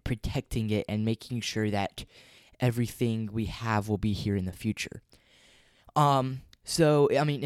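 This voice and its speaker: A man's voice: on the low side, darkish tone, clean tone, no room sound, studio quality. A man hosting a podcast solo, giving casual, opinionated news commentary in a flippant, rambling way. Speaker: podcast host.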